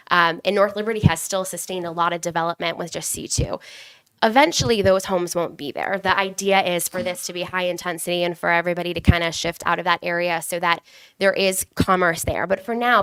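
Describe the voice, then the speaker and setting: A woman with a cold, sounding stuffy, giving an earnest, fast public comment at a city council meeting. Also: lowish voice, a bit bright, clear, resonant tone, no room sound. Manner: earnest, quick, organized with many restarts.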